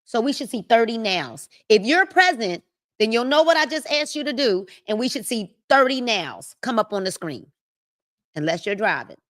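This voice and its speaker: Woman, 50s, motivational book-club host, high-pitched, preachy cadence. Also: very animated, a bit bright, no room sound, clean studio sound. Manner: preachy, drawn-out reading with asides to viewers. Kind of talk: live-stream book reading and motivational talk.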